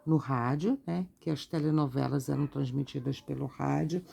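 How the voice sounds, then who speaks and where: A woman teacher reads from a textbook during an art lesson and explains each point slowly, with tag questions. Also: low voice, fairly even intonation, creaky, mellow, breathy edge.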